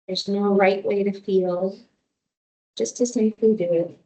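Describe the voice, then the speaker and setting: A woman yoga instructor leading a restorative class in a soothing, gently encouraging manner. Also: medium pitch, fairly even intonation, measured pace, low-quality recording.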